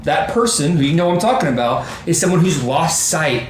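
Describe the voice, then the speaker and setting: Here a thirtysomething youth baseball coach co-hosts a laid-back podcast, his fairly high voice moving at a fairly quick clip. He talks with emphasis, full of energy, and throws in asides where he acts out quotes of his own words. Faint background noise sits under a roomy echo.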